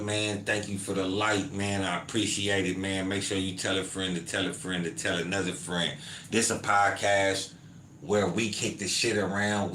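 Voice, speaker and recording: Fairly low in pitch yet fairly bright, this man's voice comes with a little hiss or hum. He's an American podcast host doing casual commentary and reading chat, loosely talking with listeners and repeating "you feel me" and "man." It's a roomy home recording with faint ambience.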